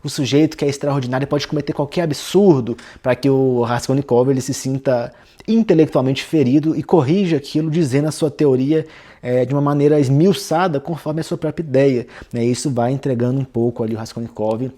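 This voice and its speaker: Mellow-voiced Brazilian man teaching literature. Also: medium pitch, a little fast. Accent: Brazilian Portuguese. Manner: conversational, peppers sentences with "né" and "tá". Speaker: literature channel host. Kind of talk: casual book-reading lesson.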